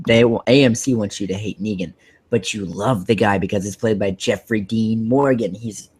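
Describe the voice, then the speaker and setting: A man with a fairly low, husky voice chats on a casual podcast. He rambles, gets excited, and restarts his sentences often. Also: moderate pace. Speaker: podcast host.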